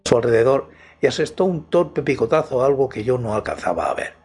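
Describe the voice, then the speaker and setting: Spanish guy from spain telling stories, breathy husky voice, medium pitch. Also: big pitch swings, quick pace, a little mellow, soft background music. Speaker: host and narrator. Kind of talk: dramatic first-person storytelling narration.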